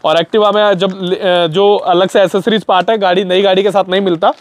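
A man's voice: high-pitched, steady tone, a little fast. A young man with a lapel mic, chattily touring an indoor parts shop and warehouse, repeating prices back and calling his viewers brother. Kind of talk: casual shop tour vlog.

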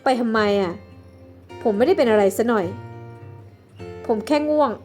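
A woman's voice: on the high side, a little slow, a little mellow, faint music behind, close to an everyday voice. A woman voicing a nervous, irritable young man haunted by guilt in a homemade life-sim drama. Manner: nervous, snappish.

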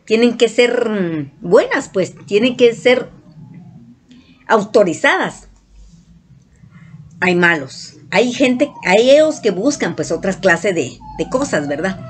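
A woman's voice: medium pitch, big pitch swings, slow, pauses often, slight background noise. A woman from Guatemala, a vlogger, earnestly recounting a personal experience to her viewers and repeating phrases for emphasis. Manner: earnest, repeats herself for emphasis, frequent "le dije" and "miren".

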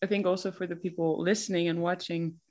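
Low-pitched woman podcast host. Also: flat delivery, fast talker, darkish tone. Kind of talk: podcast interview.

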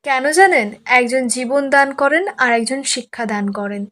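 A woman's voice: high voice, unhurried, a bit bright. A woman quoting a bold female professor who scolds and defies a powerful man. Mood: defiant. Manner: scolding and defiant. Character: bold, sharp-tongued female college professor.

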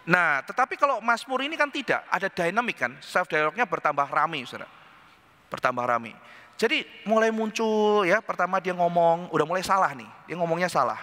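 A man preaching a sermon to a congregation, talking animatedly and acting out inner voices in a mix of formal and casual speech, recorded in a large church hall. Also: fairly quick. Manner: animated, acts out inner voices with sharp pitch jumps; addresses congregation as saudara, colloquial Jakarta slang mixed in. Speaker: pastor.

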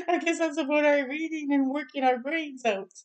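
Her high voice moves at normal speed as she, an older woman, reads a picture book for children's storytime, adding warm, chatty encouragement. She's in a small room at home, indoors.

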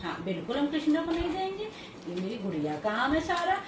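A woman with a high voice chats to her pet dogs in coaxing baby talk, scolding them softly and laughing along the way. She is recorded at home. The room echoes, and she sits back from the mic with a faint hiss of noise behind her. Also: very animated, fairly quick, distant mic. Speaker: pet owner vlogger. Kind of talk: casual vlog, talking to pets.

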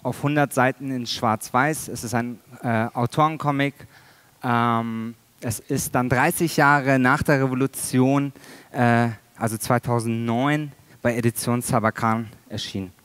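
A man in his thirties, born in Iran, presenting his illustration work at a conference in a halting way with many fillers and some dry humor. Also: medium pitch, steady tone, a bit bright, clean tone, no echo. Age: 30s. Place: large dark auditorium stage. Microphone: headset mic.

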